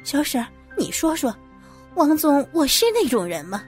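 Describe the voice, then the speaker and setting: A woman's voice: fairly high pitch, sing-song, a little slow, dark tone, faint music behind. A woman voicing an angry middle-aged company boss who rants indignantly and curses a former employee, read as part of an audio story. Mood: indignant ranting. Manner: indignant, cursing, self-pitying ranting.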